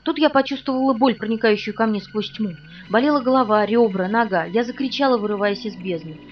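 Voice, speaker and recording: A woman reading an audiobook in the first person, in an expressive, dramatic manner. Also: on the high side, a little fast, far from the mic, highs cut off, soft background music. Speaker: audiobook reader.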